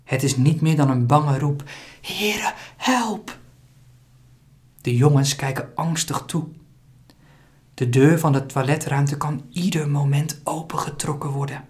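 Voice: medium pitch, steady tone, moderate pace, a little mellow. Een kalme verteller die een kinderverhaal voorleest met een middelhoge stem. Het tempo is rustig en gelijkmatig. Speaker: narrator. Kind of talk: scripted storybook narration.

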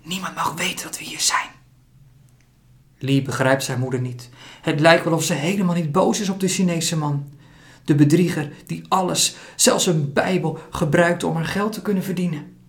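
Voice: medium pitch, steady tone, moderate pace. Een verteller die kalm en gelijkmatig een uitgeschreven kinderverhaal voorleest. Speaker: narrator. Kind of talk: scripted storybook narration.

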